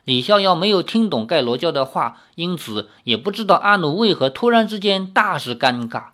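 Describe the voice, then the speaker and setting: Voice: medium pitch, very animated, moderate pace, fairly bright tone. A narrator reading a fantasy novel aloud as an audiobook.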